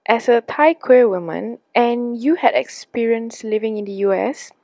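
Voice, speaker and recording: A woman hosting a podcast who reads her intro and questions slowly and deliberately. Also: fairly high pitch, vocal fry, darkish tone, dry recording, low-quality recording. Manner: slow, deliberate reading. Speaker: podcast host.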